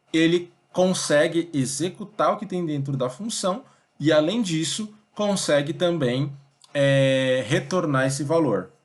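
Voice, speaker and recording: A young man teaching a programming lesson in a relaxed, conversational way, thinking aloud and checking in with his students often. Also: on the high side. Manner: conversational, thinks aloud, many fillers like "beleza?" and "ó". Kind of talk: casual screen-recorded coding lesson.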